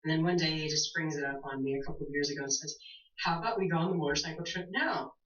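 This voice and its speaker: A woman in her forties, a guest on a talk show, speaking in an animated way, laughing often and telling stories with emphasis. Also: low-pitched, fast talker. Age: 40s. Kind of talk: casual interview chat. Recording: muffled, roomy sound from a distant mic.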